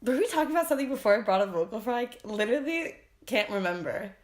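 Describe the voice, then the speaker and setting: A young woman hosting a podcast in casual chat, with vocal fry, saying "like" often and laughing a lot. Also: fairly high pitch, expressive, very fast, roomy sound. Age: young adult. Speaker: podcast host.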